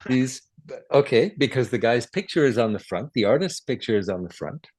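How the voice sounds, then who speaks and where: An older man, a guitarist and record producer, telling stories in a relaxed interview with chuckles and self-corrections. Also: mid-range voice, brisk, no echo. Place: his home.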